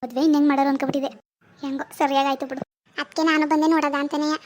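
A woman's voice: high voice, level tone, rapid-fire, slight background noise. A woman, performing a chatty, gossipy village comedy skit.

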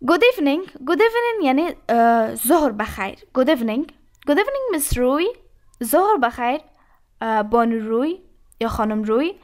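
A woman gives an English lesson in a notably high voice. She reads each English phrase slowly and carefully, then explains what it means. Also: big pitch swings. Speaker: English teacher. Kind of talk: language lesson.

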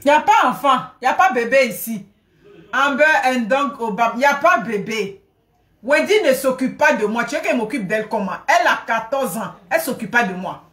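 A woman's voice: fairly high pitch, fairly quick. Chatty woman live streaming in an echoey room. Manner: animated, chatty, often laughs, thanks viewers by name. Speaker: livestreamer. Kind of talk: casual live stream chat. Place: guest room at home.

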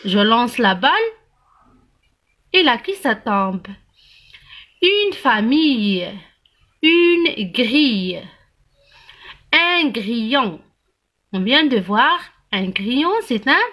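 Female early-reading teacher, slow deliberate spelling and frequent praise, high bright tone. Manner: slow, spells out letters and syllables, praises the class. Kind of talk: early reading lesson for young children.

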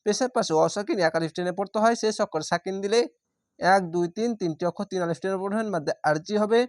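A Quran reading teacher who spells each word out syllable by syllable and then chants it slowly, with calm explanations in between. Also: medium pitch, no room sound, studio quality. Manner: calm instructive explanations between recited words. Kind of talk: step-by-step recitation lesson.

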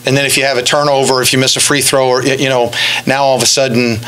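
A middle-aged man, a basketball coach, answering press questions after a game, halting with many fillers and restarts, speaking into a podium stand mic. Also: medium pitch, little pitch movement, fairly bright tone, clean tone, rough recording. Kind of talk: post-game press conference. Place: press room in front of a backdrop.

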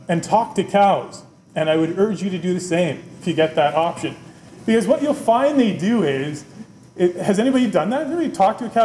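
A middle-aged man, dean of a business school, giving a conversational keynote at a podium and often checking in with "right?". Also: fairly high pitch. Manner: animated, conversational, often adds "right?", gestures with both hands. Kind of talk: keynote speech. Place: lecture room, at a wooden podium, indoors. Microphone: podium microphone. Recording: roomy lecture-room sound, faint background noise.

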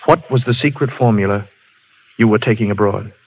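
An actor playing a brisk adult hero, clipped and commanding, on an old radio play recording. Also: male voice, on the low side, husky. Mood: urgent. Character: brisk adult male hero, urgent and wry. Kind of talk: 1930s radio drama acting. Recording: dull old radio broadcast.

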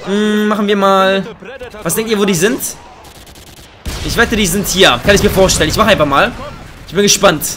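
A young man doing excitable, joking let's play commentary on a headset mic, with bursts of high laughter. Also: normal speed, pauses often, background noise. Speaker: gaming YouTuber. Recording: faint game gunfire behind.

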